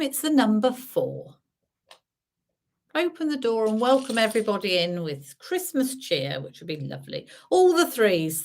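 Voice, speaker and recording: A woman hosting as a bingo caller, announcing numbers in traditional rhyming calls with chatty asides in between. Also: medium pitch.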